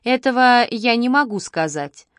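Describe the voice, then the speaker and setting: A woman voicing a secretive, defiant schoolgirl of about eleven who answers in short, sharp replies in an audiobook reading. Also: on the high side, lively intonation, unhurried, smooth, no echo, studio quality. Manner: curt, sharp-tongued.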